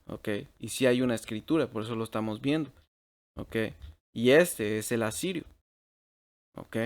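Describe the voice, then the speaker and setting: Slow man teaching, asking "ok?" constantly. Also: medium pitch. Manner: checks in with "ok?" after nearly every phrase; mixes English words into Spanish. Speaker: Bible teacher. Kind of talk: casual Bible teaching over shared slides.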